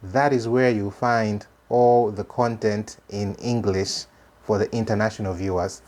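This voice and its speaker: A Malawian man, a native Chichewa speaker with a Malawian accent, hosts a religious commentary channel. His informal delivery is earnest and halting, repeating phrases for emphasis, in a lowish, steady, darkish voice.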